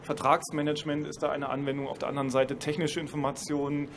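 A university professor talks quickly during a panel discussion at a trade fair, holding a handheld microphone amid background noise. His voice is a little high and fairly flat in pitch, and his long explanations are peppered with dry irony.

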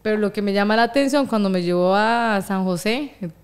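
A young woman with a Costa Rican accent, telling her story as an interview guest, lively and laughing often. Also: medium pitch, fairly quick, clean tone. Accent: Costa Rican Spanish. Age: young adult. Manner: animated, laughs often, acts out quoted voices. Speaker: guest, boxing champion.

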